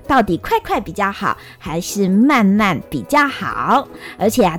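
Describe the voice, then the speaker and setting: A woman storyteller narrating a children's story in a sing-song manner, speaking directly to the kids. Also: on the high side.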